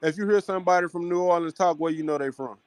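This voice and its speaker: A man from Arkansas with a raised, fairly high voice needles his co-hosts in a loose podcast debate. He keeps firing questions at them to make his case. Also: fast talker, no room sound. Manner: provocative, quizzing others with questions. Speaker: podcast co-host. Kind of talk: casual sports debate.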